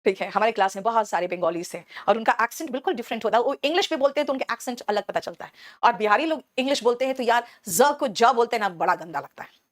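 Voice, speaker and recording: A woman from Bihar teaching English words in a live online class, briskly and in a motherly way, switching to English terms and answering students' questions as she goes. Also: a little high, expressive, no room sound, studio quality. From Bihar, India. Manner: explains English words in Hindi, switching between the two.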